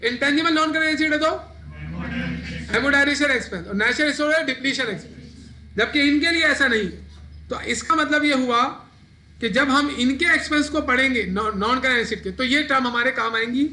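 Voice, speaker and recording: A man's voice: extremely high pitch, moderate pace, pushed and bright, a little hiss or hum. A man teaching an accounting class, asking his students questions and answering them himself. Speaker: accounting lecturer. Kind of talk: classroom lecture.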